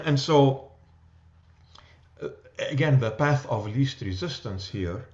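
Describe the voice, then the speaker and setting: A man's voice: mid-range voice, lively intonation, slow pace, a little mellow, dull audio. New York man teaching a church class. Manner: conversational, rambling, checks in with "okay?" and "right?". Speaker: adult education teacher. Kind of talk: church class lecture with discussion.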